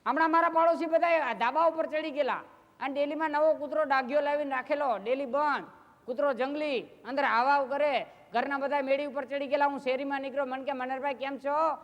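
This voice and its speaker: Man, high voice, live comic storyteller, long hall reverb. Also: steady tone, a little fast, a bit bright, lo-fi sound. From Gujarat, India. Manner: chatty anecdotal storytelling, acting out neighbours' questions. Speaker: folk comedy storyteller. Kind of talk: live stage comedy storytelling. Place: live stage show.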